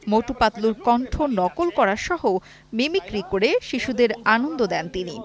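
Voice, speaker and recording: A woman reporter reading scripted news narration in a clear, lively way. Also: fairly high pitch.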